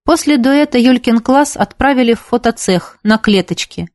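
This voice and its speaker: A woman narrating an audiobook in a steady, even reading manner. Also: on the high side, normal speed, no room sound, clean studio sound.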